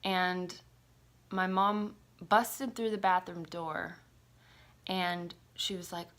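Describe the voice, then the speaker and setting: A woman's voice: on the low side, little pitch movement, slow pace, a bit bright. A woman vlogger telling a personal story to camera, in a casual, confessional way with many filler words and casual swearing.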